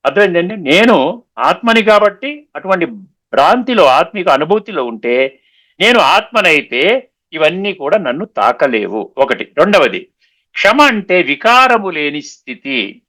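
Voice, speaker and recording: A man giving a spiritual discourse, explaining patiently, slowing down on key sayings and often checking that listeners understood. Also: a little high, very animated, bright, forceful tone. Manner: mixes English words into his talk; repeats and slows down on key sayings. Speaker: spiritual lecturer.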